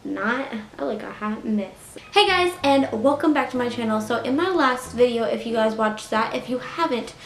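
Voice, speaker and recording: In an echoey room with a little hiss or hum, a woman in her late twenties does a chatty storytime vlog for YouTube, constantly saying "like" and "you know." She sounds animated, with a high-ish voice, vocal fry, normal speed and hardly any pauses.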